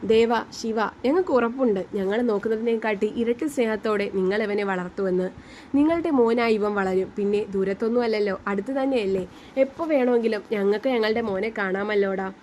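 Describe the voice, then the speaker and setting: A woman's voice: mid-range voice, brisk, slight background noise, lightly acted. Woman voicing a kind reassuring young man. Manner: gentle, reassuring. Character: kind young man, warm close friend.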